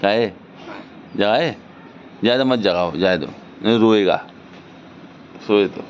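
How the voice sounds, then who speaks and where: A man's voice: on the low side, slow pace. A man, chatting with a small child in a home video and coaxing them with simple repeated questions. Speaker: family member talking with a toddler. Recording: muffled home video with background noise.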